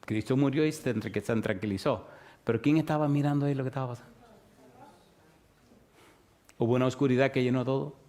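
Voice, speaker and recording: A man with a Dominican accent preaching a sermon. He keeps asking his listeners yes-or-no questions and moves between loud, emphatic lines and quiet, hushed ones. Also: medium pitch, steady tone, a little fast, pauses often. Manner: asks the audience rhetorical yes-or-no questions, swings from loud to hushed.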